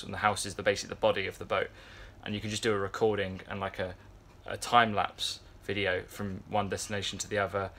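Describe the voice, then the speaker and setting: A man in his twenties with a lowish, slightly bright voice rambles casually to a phone camera held at arm's length, filling his vlog chat with fillers and restarts. He's indoors in a yacht crew area with a fan nearby, and the recording carries a little hiss or hum.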